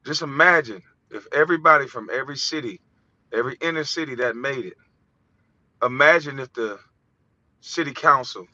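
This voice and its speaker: Speaking in a pushed, bright mid-range voice with no echo, a man from the United States rants through an impassioned vlog monologue. He's profane, heated and preachy, captured on a dull, dry lo-fi recording.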